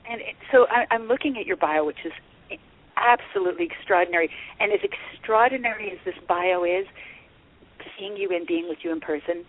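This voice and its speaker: A woman's voice: fairly low pitch, a little fast. A woman hosting a podcast, introducing her guest in an effusive, gushing way and asking questions. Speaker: podcast host. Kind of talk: enthusiastic interview introduction. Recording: tinny phone-like line with faint hiss.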